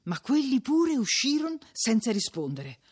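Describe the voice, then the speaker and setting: A woman narrating a classic novel in a measured, expressive storytelling voice. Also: a little high, slightly rough. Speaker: audiobook narrator.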